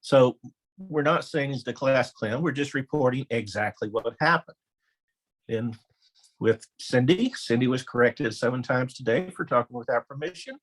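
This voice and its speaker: Man, middle-aged, husky, anecdotal webinar presenter, does little voices for quotes. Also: moderate pace, poor audio. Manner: anecdotal, acts out quoted voices with raised pitch. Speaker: webinar presenter, former elementary principal. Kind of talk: conversational training webinar.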